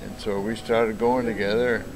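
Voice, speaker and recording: A man in his nineties, born in Japan, telling stories in a halting, rambling way with many fillers and restarts, recorded by a camera across a table in a large lounge. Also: fairly low pitch, level tone, a crowd in the background, rough recording. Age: 90s. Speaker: interviewee. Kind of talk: casual storytelling. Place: large bright lounge, indoors.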